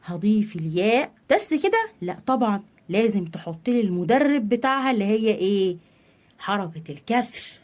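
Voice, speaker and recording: A woman with an Egyptian Arabic accent teaching a children's reading lesson, asking questions and answering them herself, stretching out sounds slowly. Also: mid-range voice, big pitch swings, darkish tone.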